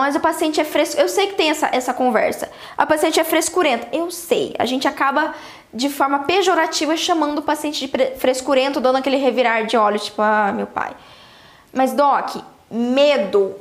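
A young adult woman with a Brazilian accent, a dentist telling a patient story to fellow dentists in a lively, animated way. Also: sits high, reverberant. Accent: Brazilian Portuguese. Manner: animated storytelling, acts out quotes. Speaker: dentist teaching other dentists. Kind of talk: casual teaching talk with a story.

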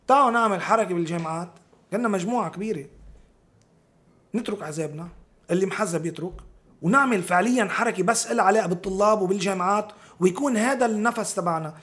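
A man's voice: high-pitched, quick pace, a bit bright. A man with a Lebanese accent in an informal political discussion, talking emphatically with repeated phrases and rhetorical questions.

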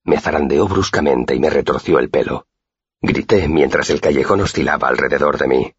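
A man narrating an audiobook in a steady, measured first-person telling, in a dull, dry recording. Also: rumbling low, husky, no echo.

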